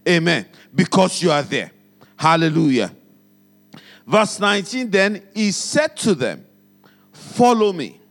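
Male Nigerian pastor, high-pitched preacher, repeats lines for emphasis, call-and-response. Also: very animated, measured pace, gravelly, a bit bright. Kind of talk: sermon.

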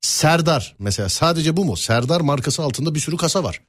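A man hosting a casual talk show, telling stories and joking in an animated way. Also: on the high side, a little fast, no room sound, studio quality. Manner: animated, jokey storytelling. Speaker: host. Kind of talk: casual chat.

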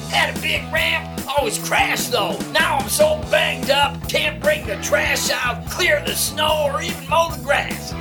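A woman acts out a boastful, banged-up old stunt daredevil in a comic AM radio ad. The voice is high and swaggering, turning shouty, over clear music. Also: natural voice.

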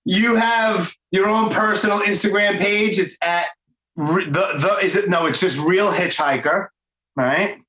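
Brooklyn-accented male podcast host, bright and roomy. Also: sits high, measured pace. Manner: informal, slangy, enthusiastic. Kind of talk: casual interview chat. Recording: roomy, echoing sound.

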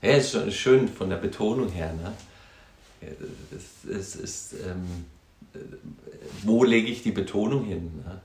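A man who works as a counselor and music therapist, talking in a thoughtful, halting way with many tag questions. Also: low-pitched, a little mellow, roomy sound. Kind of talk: reflective conversational talk.

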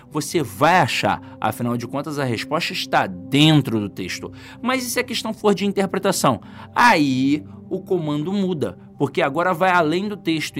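A man with a Brazilian accent teaching an exam-prep lesson in a casual, joking way, asking himself questions as he goes. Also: a little high. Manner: lively, joking, asks himself rhetorical questions.

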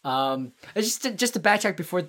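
A woman with a notably low voice co-hosts a casual podcast. She talks in long, rambling runs, stopping and restarting her sentences and leaning on fillers as she retells scenes with enthusiasm. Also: lively intonation, fairly quick, a bit bright. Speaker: podcast co-host. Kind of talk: casual podcast chat about horror films.

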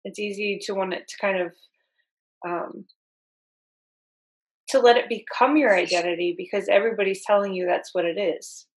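A woman's voice: medium pitch, moderate pace, long pauses, low-quality recording. A woman hosting a conversational interview with a mid-range voice. She is supportive and affirming. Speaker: interview host.

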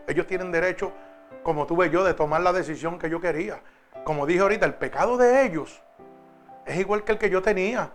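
A man, preaching a sermon as a pastor and giving his own testimony, fervent and shifting between loud emphasis and hushed confession. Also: sits high.

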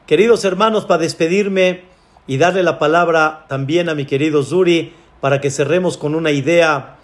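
A man's voice: on the high side, normal speed. A man preaching a sermon as a rabbi, telling a story and acting out its characters' voices. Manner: dramatic storyteller, acts out voices.

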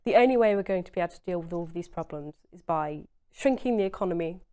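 A woman's voice: on the low side, animated, fast talker, warm tone, smooth. A woman, speaking earnestly and emphatically as a guest in a conversational interview, often saying "you know". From Essex, England. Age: 20s.

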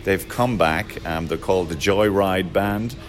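Deep-voiced man, halting and jokey. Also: faint music behind. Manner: hesitant, many fillers, jokey. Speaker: Irish pub owner. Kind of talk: casual interview.

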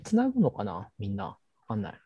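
A man's voice: fairly low pitch, wildly swooping pitch, fast talker, warm tone, slightly rough, no room sound. A man co-hosting a podcast in casual tech chat, easygoing and thinking aloud. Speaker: podcast co-host. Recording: muffled, dry close mic.

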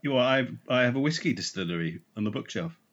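A man's voice: mid-range voice, animated, fast, fairly bright tone, lo-fi sound, natural voice. A man playing a drunk, bumbling older male university lecturer in an improvised comedy sketch, rambling and evasive. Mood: bumbling, boozy.

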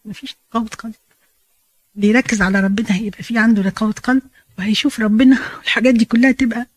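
Fast-talking Egyptian woman teaching the Bible. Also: medium pitch, darkish tone, no echo. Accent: Egyptian Arabic. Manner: explains in a chatty way, mixing in English phrases.

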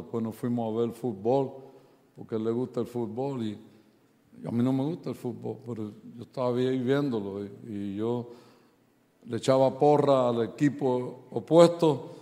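Spanish-speaking pastor preaching in a reverberant hall. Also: male voice, medium pitch, moderate pace. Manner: animated storytelling, acts out quoted voices, rises to loud preaching. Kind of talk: sermon with humorous stories. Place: church sanctuary.

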